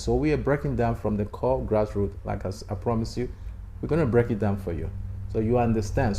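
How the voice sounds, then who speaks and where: A man's voice: fairly low pitch, mellow. A man hosting a spiritual talk show in a studio, speaking emphatically, repeating key phrases and urging viewers to subscribe. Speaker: channel host.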